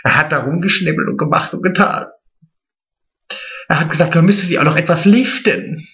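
A man's voice: fairly high pitch, moderate pace, pushed and bright, dull audio. A man playing a vain, chatty, naive middle-aged woman in a drag comedy monologue, stretching his words. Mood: gossipy.

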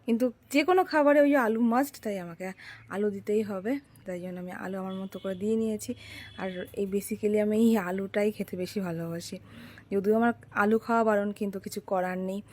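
A young woman with a heavy cold, speaking softly and chatting to viewers in a cooking vlog. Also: medium pitch, steady tone, fairly quick. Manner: chatty, addresses viewers directly. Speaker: vlogger. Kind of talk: casual cooking vlog narration.

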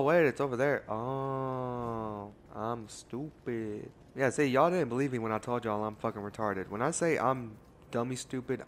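Jumpy, swearing young gaming commentator. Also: male voice, lowish voice, slight background noise. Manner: jumpy, swears a lot, yells when startled. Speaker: gaming YouTuber. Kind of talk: casual gameplay commentary.

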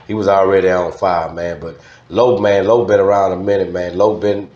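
This podcast guest, a onetime radio DJ from Louisiana in his fifties, speaks with a Southern accent in a deep, fairly even, slightly mellow voice at normal speed, often saying "man" as he casually recounts stories in an interview. Slight background noise sits in a dull, echoey studio recording.

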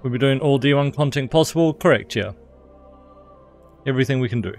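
A man's voice: medium pitch, brisk, darkish tone. A man streaming a game, giving offhand, chatty commentary in short remarks. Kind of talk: casual gameplay commentary. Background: game music.

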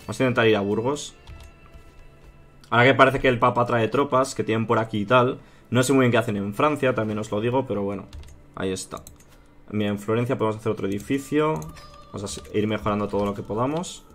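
A man's voice: lowish voice, fast, a bit bright, soft background music. Spanish man thinking aloud over a strategy game. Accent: Spanish from Spain. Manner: chatty, thinks aloud, addresses viewers as "chicos" and "tío". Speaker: gaming youtuber. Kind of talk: casual strategy game let's play commentary.

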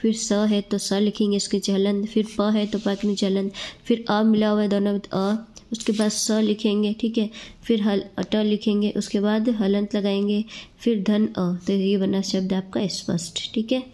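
A woman's voice: medium pitch, level tone, normal speed, dark tone. A woman teaching a grammar lesson to students. She explains step by step and keeps checking in with them.

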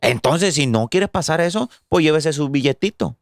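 A young Mexican man with a Mexican accent talks on a podcast in a smooth, fairly high voice. He swears freely and lectures in slang. The sound is dry and close to the mic. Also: animated, moderate pace, no echo. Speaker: podcast co-host. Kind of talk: casual crude banter.

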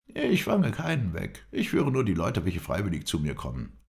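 A man voicing a calm, dignified male Bedouin guide who speaks in a measured, steady way in an audiobook reading. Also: sits low, vocal fry, voice pushed up, exaggerated voice.

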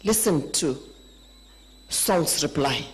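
A woman with a Zimbabwean accent preaching a conference sermon, emphatic, swinging between high peaks and low drops. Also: animated, slow pace, a little hiss or hum, poor audio.

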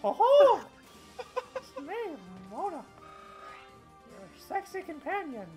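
A woman's voice: very high voice, very animated, slow, over music, voice pushed up, heavily acted. A woman voicing a brash, flirty female game companion in a squealing, boastful way.

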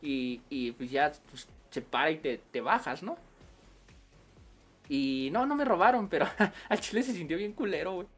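A man with a Mexican accent chatting casually on a game livestream, full of slang and quick laughs. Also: on the high side, lively intonation, husky, faint music behind. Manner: slangy, laughs often while storytelling. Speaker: game streamer.

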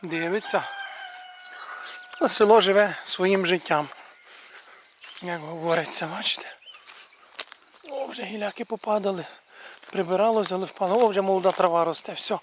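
A man with a fairly high voice ambles around his rural yard and garden, talking casually to the viewers. He keeps pointing things out as he walks. Faint birdsong and outdoor sounds carry softly behind him. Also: normal speed, pauses often, a little hiss or hum. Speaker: video blogger showing his village yard. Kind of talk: casual walk-and-talk video commentary.

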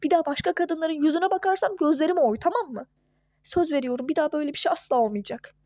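A woman voicing a young husband and father in a home-made toy-game role-play, who pleads apologies and gushes with excitement. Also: sits high, fast, no room sound, studio quality, natural voice. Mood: pleading.

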